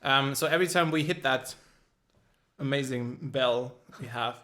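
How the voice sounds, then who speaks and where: A man's voice: medium pitch, measured pace, sharp tone. A young man co-hosting a casual podcast chat, rambling with lots of fillers and frequent giggles. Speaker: podcast co-host.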